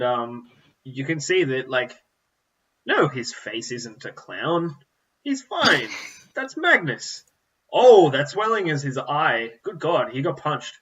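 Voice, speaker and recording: A man's voice: medium pitch, a bit bright, slightly rough, dull audio. A man narrating a tabletop game as game master, meandering and full of fillers.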